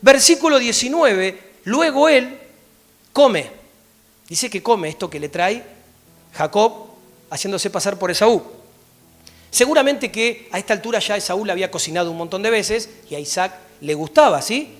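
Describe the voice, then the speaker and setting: A man with an Argentine accent preaching a sermon and reading Bible verses aloud, often checking in with a quick "¿sí?". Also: sits high. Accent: Argentine Spanish. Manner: animated, often checks in with a rising "¿sí?". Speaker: pastor. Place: church.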